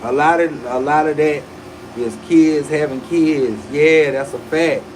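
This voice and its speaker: A man's voice: fairly high pitch, a little slow, darkish tone, a little hiss or hum, low-quality recording. A man in his forties hosting a casual livestream, talking loosely with profane slang and frequent restarts. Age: 40s. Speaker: livestream host.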